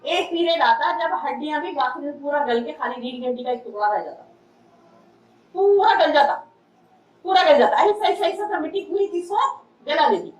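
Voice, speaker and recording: High-voiced woman preacher in echoey room. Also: animated, fairly quick. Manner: conversational, repeats key phrases for emphasis. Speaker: religious teacher. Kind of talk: sermon-style religious lecture. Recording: echoey room, distant mic.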